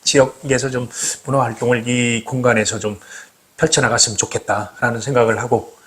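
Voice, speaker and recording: A man with an ordinary middle-pitched voice is a guest in a relaxed conversation. He reacts briefly and explains with plain comparisons. He is recorded inside an old house. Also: fairly quick. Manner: responsive, with short reactions and comparisons. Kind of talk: casual conversation. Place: old traditional house indoors.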